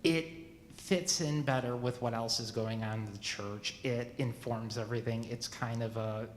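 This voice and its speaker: A man in his forties asking a new minister questions at a church meeting, halting and often restarting his sentences. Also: mid-range voice, steady tone, roomy sound, long reverb tail, slight background noise. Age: 40s.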